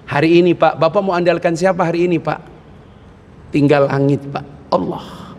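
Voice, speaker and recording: A man preaching at a mosque, telling animated stories with jokes and frequent exclamations. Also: a little high, normal speed, a little hiss or hum. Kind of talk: lively mosque sermon. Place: mosque hall. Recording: long mosque reverb.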